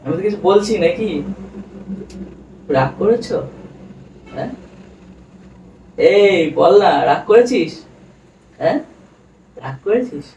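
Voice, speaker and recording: A man's voice: sits high, lively intonation, slow, long pauses, warm tone. A man at home talking casually, coaxing and pleading as he repeats the same questions. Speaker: husband being pranked. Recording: roomy echo, distant mic, faint background noise.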